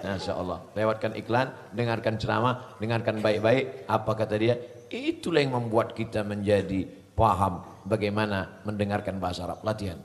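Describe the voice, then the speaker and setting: A middle-aged man preaching to students, telling stories in a lively, humorous, animated way. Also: lowish voice, normal speed, a little hiss or hum. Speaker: Islamic preacher. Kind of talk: sermon to students. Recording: long hall reverb.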